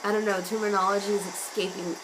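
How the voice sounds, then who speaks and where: A woman vlogger, hoarse and losing her voice, musing in a chatty, meandering, self-mocking way. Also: mid-range voice, level tone, fast, background noise. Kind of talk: casual musing vlog. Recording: loud rain and thunder sounds from an app behind the voice. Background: rain and thunder ambience sounds.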